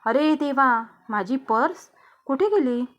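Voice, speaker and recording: A woman's voice: fairly high pitch, unhurried, a bit bright. A woman voicing a scolding older mother-in-law. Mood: panicked. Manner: accusing, scolding.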